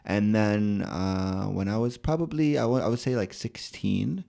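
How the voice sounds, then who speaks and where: A young American man, a rapper and poet, talking in a relaxed, thoughtful way with many fillers and restarts in a podcast interview. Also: on the low side, measured pace, gravelly. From United States.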